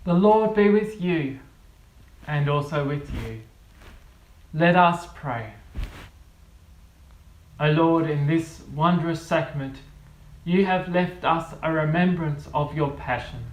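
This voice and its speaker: A man with a fairly high voice reads prayers and scripture in a measured, solemn way. His words ring through a cathedral echo. He sounds some distance from the mic. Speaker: priest leading a service. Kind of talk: liturgical prayer and scripture reading. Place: large church. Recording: echoey church from far off.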